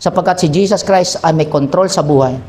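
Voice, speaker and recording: A man preaching a sermon as pastor in a church, retelling scripture in an animated way and acting out the people in it. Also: fairly high pitch, brisk. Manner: animated storytelling, acts out characters.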